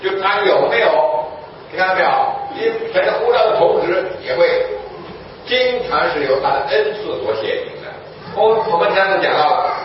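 A preacher with a fairly high voice gives a sermon, posing rhetorical questions and answering them himself to teach his listeners. He's far from the mic in a very echoey room, and the dull, lo-fi recording carries a faint hum of room ambience.

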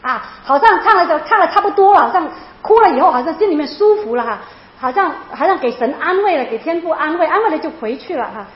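High, fast-talking woman in an echoey room. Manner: animated, emotional retelling with many repeats. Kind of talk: personal testimony storytelling. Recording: roomy, dull lo-fi sound.

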